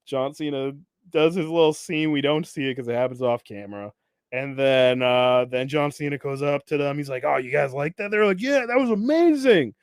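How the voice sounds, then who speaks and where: A young man hosts a podcast recapping TV episodes casually, his smooth voice at normal speed in clean studio sound with no room echo. He laughs often and animatedly acts out characters' lines, jumping in pitch and loudness.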